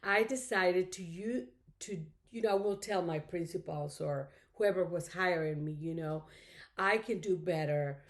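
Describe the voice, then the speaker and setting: Talking to camera in a casual, rambling way, a middle-aged craft vlogger and native Spanish speaker keeps thanking her viewers and peppers her speech with "you know." Her voice is fairly low in pitch and unhurried.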